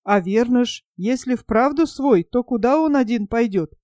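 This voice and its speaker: Casting: woman doing a gruff, blunt male partisan guard, mellow tone, dry close sound, storybook reading. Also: fairly high pitch, normal speed, no room sound, lightly acted. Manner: blunt, scolding, folksy speech. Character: gruff, stern adult male partisan sentry.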